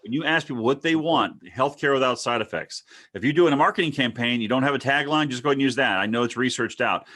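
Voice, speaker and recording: A middle-aged man hosts a relaxed interview at a brisk clip. His pitch sits in a normal middle range. He keeps breaking off and restarting his sentences, piling on words with eager energy. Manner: rapid and animated, with frequent restarts and repeats. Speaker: host, marketing consultant. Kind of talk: casual interview chat.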